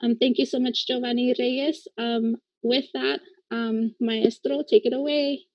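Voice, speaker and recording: Flat-toned woman hosting a video call. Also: on the high side, dry recording. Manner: measured, mixes in Spanish words. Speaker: event host. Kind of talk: reading an introduction on a video call. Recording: dull lo-fi call audio.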